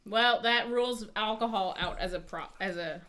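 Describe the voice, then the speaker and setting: A woman's voice: mid-range voice, moderate pace, pushed and bright. A woman chatting casually as co-host of a livestream, reading out viewer comments, with some noise in the recording.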